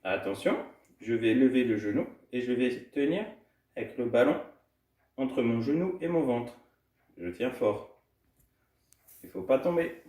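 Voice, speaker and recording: A man leads a home gym class for little children, his cheerful, sing-song voice pitched right in the middle. He is set back from the microphone. The room gives his voice a clear echo. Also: animated, a little slow, long pauses, a little mellow. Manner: cheerful, sing-song, demonstrating while moving. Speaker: kids' gym coach. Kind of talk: instructional talk to small children. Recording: echoey room, distant from mic.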